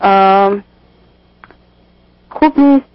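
A woman's voice: mid-range voice, dry recording, dull audio. A young woman calling in to a radio advice show, speaking hesitantly with filler sounds. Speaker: caller.

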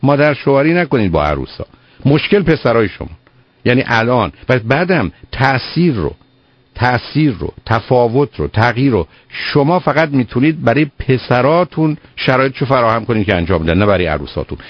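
A man's voice: medium pitch, very animated, no room sound. A man hosting a radio call-in advice show, earnest and lecturing, repeating words for emphasis. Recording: dull lo-fi radio broadcast.

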